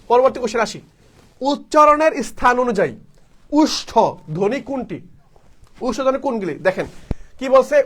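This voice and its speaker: Fast, high-voiced male tutor. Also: a bit bright. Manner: repetitive call-and-response teaching, asks and answers himself. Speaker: online admission-test tutor. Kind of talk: live online class.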